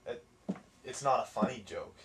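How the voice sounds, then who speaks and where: A man's voice: mid-range voice, lively intonation, moderate pace, a bit bright. A young man in a comedy sketch, mock-solemn and overdramatic. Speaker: friend at an intervention. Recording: distant mic with faint hiss.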